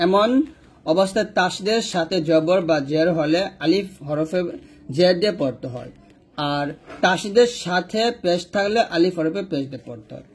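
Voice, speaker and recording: Husky man teaching letter sounds slowly. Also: sits high. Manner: slow, repeats sounds for drilling. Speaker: Quran reading teacher. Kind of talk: step-by-step recitation lesson.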